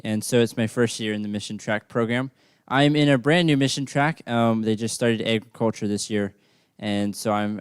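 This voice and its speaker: A young student introducing himself to a church, a little hesitant. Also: male voice, mid-range voice, smooth, no echo, clean studio sound. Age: young adult. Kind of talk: self-introduction.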